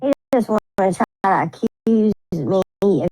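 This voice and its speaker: A woman chatting on a livestream in an animated, profane, slangy way. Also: medium pitch, unhurried, no room sound, low-quality recording. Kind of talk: casual livestream chat.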